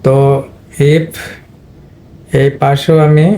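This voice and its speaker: A man's voice: on the high side, level tone, extremely slow, dark tone, slight background noise. A man teaching English spelling and pronunciation, explaining step by step and speaking directly to his students. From Bangladesh. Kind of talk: Bengali-language spelling and pronunciation lesson.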